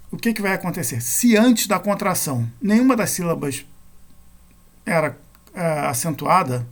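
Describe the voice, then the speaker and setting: Male teacher, a touch of fry, patient step-by-step lecturing. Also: on the high side. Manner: methodical, self-correcting explanation. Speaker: Greek grammar teacher. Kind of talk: recorded lecture.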